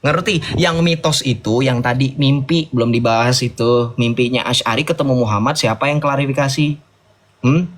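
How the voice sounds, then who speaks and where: A man's voice: medium pitch, moderate pace. A man arguing heatedly in an online debate, mocking and combative, and reading English passages aloud.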